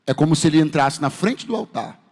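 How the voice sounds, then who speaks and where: High-voiced Brazilian pastor preaching in a reverberant church. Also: male voice, animated, a little fast, darkish tone. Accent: Brazilian Portuguese. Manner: fervent preaching with rhetorical questions to the congregation. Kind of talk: sermon. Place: church sanctuary. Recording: long hall reverb in a church.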